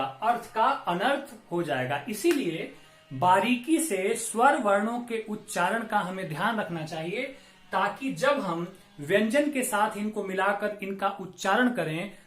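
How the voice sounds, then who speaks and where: A middle-aged man, a Hindi professor, giving a classroom-style lecture on pronunciation, spelling out each sound slowly and carefully. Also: high voice, a bit bright, roomy sound. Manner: slow, deliberate, drawn-out enunciation of sounds. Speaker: Hindi professor teaching grammar.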